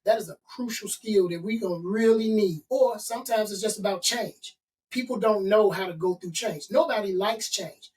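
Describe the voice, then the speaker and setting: A middle-aged Chicago native, a consultant and author, speaks at normal speed during an interview, his high, darkish voice driving motivational, emphatic points that he stacks into lists. The low-quality recording comes from a distant mic.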